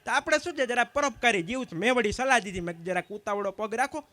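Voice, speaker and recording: A man with a very high, bright, sharp voice tells stand-up jokes. He rattles through each anecdote and acts out both sides of every exchange. The sound is dry and close. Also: lively intonation, fast talker, no echo. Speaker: stand-up comedian at a community gathering. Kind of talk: live stand-up joke telling.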